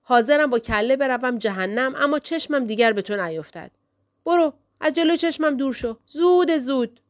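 A woman voicing a sullen, rough young country man who snarls and shouts back in bitter anger. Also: on the high side, lively intonation, no echo, clean studio sound, close to an everyday voice. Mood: hostile.

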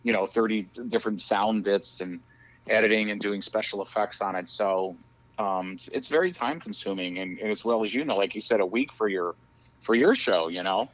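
A man on the low side speaks at a moderate pace while calling into a podcast as a guest. His talk is casual and rambling, with frequent laughter and fillers, and the sound is muffled and lo-fi.

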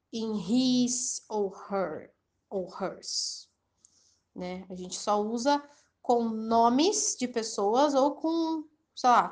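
A woman teaching an English grammar lesson, reading example sentences slowly and then explaining them quickly. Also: a little high. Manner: switches between slow careful English examples and quick explanations.

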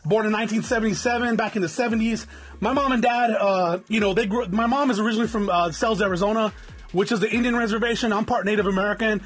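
A man's voice: high voice, steady tone, fast, breathy edge, faint music behind. A man in his forties from Southern California, hosting his own podcast in an unscripted, rambling talk with a stuffy nose, repeating words and cussing freely. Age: 40s. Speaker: podcast host. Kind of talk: casual unscripted podcast monologue. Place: home in the desert.

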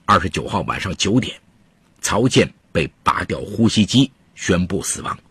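A male true crime narrator with a lowish, very husky voice. He tells the story in an emphatic, dramatic way, with lively swings in pitch. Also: normal speed, dry recording.

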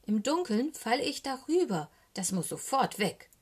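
A woman doing a loud scolding owl. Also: a little high, very animated, normal speed, breathy edge, pitched above the performer's own voice. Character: grumpy older owl, scolding. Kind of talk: storybook reading.

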